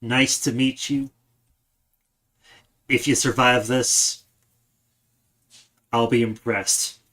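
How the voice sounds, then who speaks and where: A man voicing a gruff, dangerous male mercenary who speaks in short, menacing lines. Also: medium pitch, fairly even intonation, drawn-out words, bright, forceful tone.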